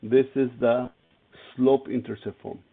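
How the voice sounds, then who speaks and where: A man's voice: medium pitch, fairly even intonation, a little slow, creaky, slightly rough. A man teaching an algebra lesson, walking through each step and asking his students questions as he goes. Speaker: math teacher. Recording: tinny phone-like lo-fi audio.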